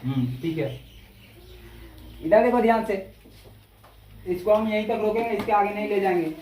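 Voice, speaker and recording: A woman teacher drills her students with repeated questions and slowly drawn-out vowels. She is recorded from across an echoey classroom, with a faint hum of room ambience behind her. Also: medium pitch, warm tone, distant mic. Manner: repetitive questioning, drawn-out vowel demonstrations, scolding. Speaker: Hindi grammar teacher. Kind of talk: classroom lesson with call-and-response drilling.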